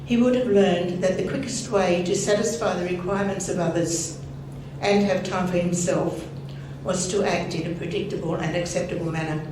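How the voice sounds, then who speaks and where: An older woman delivers a scripted eulogy in a measured, gently wry way. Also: lowish voice, steady tone. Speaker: eulogist at a family memorial. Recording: very echoey hall, distant mic, noisy.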